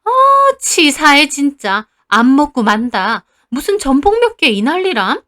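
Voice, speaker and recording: A petty, defensive middle-aged aunt, played by a woman narrator, who answers back with sulky indignation. Her voice is fairly high and moves about a lot. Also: lively intonation, a little slow, fairly bright tone. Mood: indignant.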